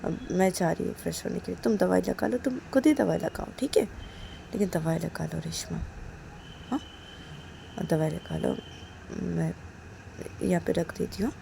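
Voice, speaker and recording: A woman's voice: lowish voice, moderate pace, creaky, pauses often, warm tone, a little hiss or hum. A woman voicing a caring young woman who pleads and coaxes her partner over and over. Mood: pleading coaxing. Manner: pleading, coaxing, repeating "please".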